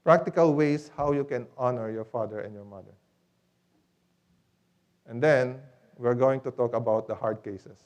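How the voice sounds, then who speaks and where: A man's voice: mid-range voice, normal speed, pauses often, darkish tone, muffled recording. A man preaching a sermon in a church, teaching step by step and asking rhetorical questions.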